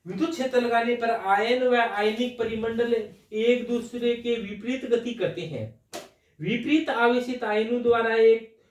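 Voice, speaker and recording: A man's voice: extremely high pitch, unhurried, distant mic. A man teaching a chemistry class, explaining step by step and answering his own questions. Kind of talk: classroom lecture. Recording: roomy echo, voice from off mic.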